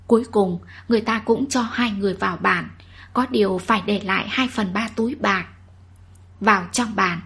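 A woman narrating a literary short story in a steady, measured way, with a breathy voice. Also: medium pitch. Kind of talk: scripted narration.

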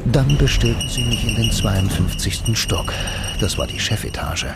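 In a radio play, an actor with a fairly low voice and moderate pace plays a sardonic blind bank copywriter, a lonely self-styled noir hero who narrates his own story. His delivery is dry, deadpan, laconic and brooding, set over music and heavy background noise.

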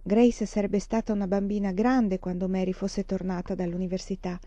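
Calm mellow woman reading aloud. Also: mid-range voice, dry recording. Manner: calm, measured narration. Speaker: reader. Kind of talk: audiobook reading. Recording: dull lo-fi dry recording.

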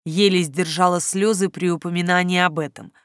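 A woman narrating a first-person storybook tale in an expressive, emotional reading. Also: fairly low pitch, normal speed, no echo, clean studio sound. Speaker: audiobook narrator.

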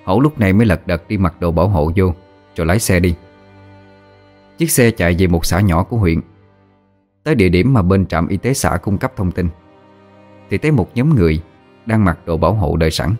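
A male storyteller narrates a story in a steady, dramatic tone. His voice is very deep and low. Soft background music plays underneath. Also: fairly quick, pauses often.

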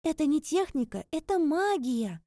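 A woman playing an earnest, high-voiced young student. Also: very animated, warm tone, no room sound. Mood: amused. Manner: earnest, quick to get heated. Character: lively young woman student, eager friend.

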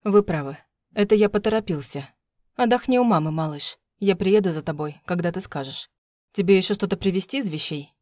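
A woman's voice: lowish voice, fairly quick, darkish tone, no room sound, clean studio sound, lightly acted. A woman voicing a cold, menacing husband. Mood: coaxing, menacing. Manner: smooth, coaxing, then threatening through teeth. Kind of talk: audiobook narration.

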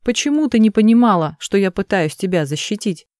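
A woman's voice: medium pitch, very animated, fairly quick, darkish tone, no room sound, studio quality, natural voice. Woman reading as a tearful pleading mother. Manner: pleading, urgent. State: crying.

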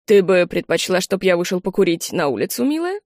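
A woman reading an audiobook and voicing a middle-aged father who speaks low, relaxed and wry. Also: brisk, no echo, clean studio sound. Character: easygoing middle-aged father, smoking and teasing.

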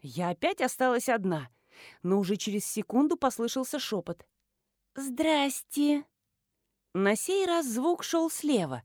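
A woman reading an audiobook in a scripted narration style, expressive and wryly ironic. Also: on the high side, normal speed, dry recording, clean studio sound.

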